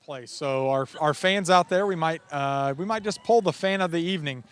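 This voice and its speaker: A man's voice: on the high side, normal speed, smooth, no room sound. A man working as an enthusiastic, talkative sideline reporter, doing a live sports interview outdoors by the track. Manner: enthusiastic, talkative, repeats and rephrases questions. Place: outdoors beside an athletics track.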